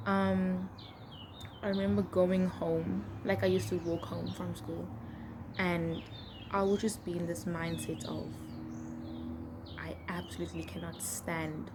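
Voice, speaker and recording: A young adult woman with a South African accent, reading aloud and chatting casually in a candid, expressive way. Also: on the low side, unhurried. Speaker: vlogger. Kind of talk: casual reading of old diary entries with asides. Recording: clear background noise.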